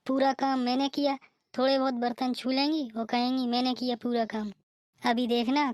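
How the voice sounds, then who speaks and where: Woman doing a cartoon elder sister-in-law, nagging and bossy, high voice, pretty flat tune. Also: no room sound, clean studio sound, close to an everyday voice. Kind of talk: cartoon voice acting.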